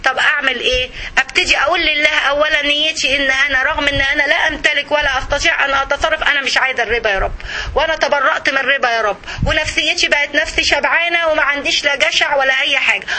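A woman with an Egyptian accent giving an animated religious talk, acting out everyday scenes as she goes. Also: high voice, low-quality recording. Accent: Egyptian Arabic. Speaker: religious speaker.

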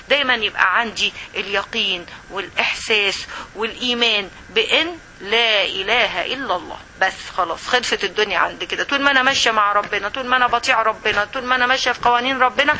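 A woman's voice: fairly high pitch, bright, forceful tone, a little hiss or hum, poor audio. A woman with an Egyptian Arabic accent giving a religious lesson to women, often asking rhetorical questions and checking in with "okay?". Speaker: religious teacher.

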